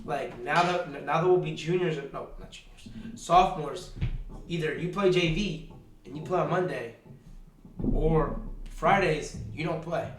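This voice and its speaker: A teenage boy co-hosts a casual podcast chat, rambling with plenty of fillers and saying "bro" a lot. His voice sits on the high side at a moderate pace. He sounds off-mic and distant, with roomy echo and background noise.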